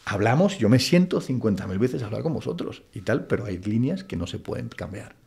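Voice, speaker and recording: A man's voice: fairly low pitch, sing-song, fairly quick, vocal fry, a little mellow. A man from Spain with a Madrid accent, a guest in an interview, talking bluntly and colloquially. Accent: Spanish from Madrid. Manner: blunt, colloquial, full of "tío" and "macho". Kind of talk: casual interview chat.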